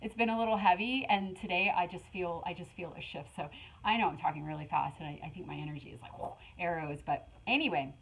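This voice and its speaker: A middle-aged woman giving a casual spiritual tarot reading, talking in an animated, rambling way with many fillers. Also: lowish voice, fast talker, gravelly, breathy edge, poor audio. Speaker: tarot reader.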